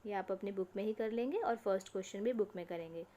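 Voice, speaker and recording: A woman teacher giving an online lesson to young children. She reads words slowly, one at a time, and asks questions that she answers herself. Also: medium pitch, warm tone. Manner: slow, drawn-out word-by-word reading for children. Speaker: school teacher.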